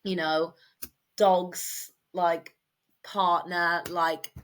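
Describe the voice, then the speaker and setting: A young woman in her twenties talks in a casual podcast chat, her voice bright and forward. She rambles warmly through fillers and restarts, open and a little emotional. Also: fairly low pitch, little pitch movement, drawn-out words. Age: 20s. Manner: chatty, emotional, many fillers. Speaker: podcast co-host and guest.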